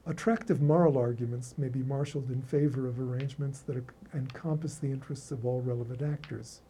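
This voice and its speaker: Husky, very dark-voiced professorial man lecturing. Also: mid-range voice, steady tone, poor audio. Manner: erudite, professorial, formal and measured. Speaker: academic lecturer in law. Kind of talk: scripted formal lecture.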